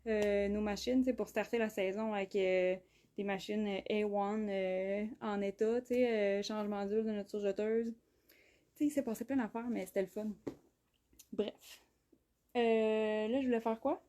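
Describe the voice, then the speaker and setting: A woman with a Québécois accent hosting a live clothing sale, chatty, full of fillers and quick laughs. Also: mid-range voice, steady tone, mellow. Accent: Québécois French. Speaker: clothing brand host. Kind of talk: live shopping stream. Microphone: phone.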